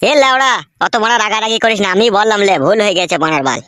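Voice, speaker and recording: A woman's voice: mid-range voice, animated, very fast, fairly bright tone, dry recording, clean studio sound, lightly acted. A woman voicing a crude, mocking young male friend in a comedy cartoon. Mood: apologetic. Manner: crude, needling.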